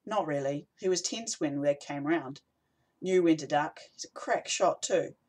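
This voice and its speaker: Brief: man playing a blunt, forthright woman, voice lifted a touch higher, audiobook. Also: measured pace. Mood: suspicious. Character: blunt, suspicious woman from a supply cell.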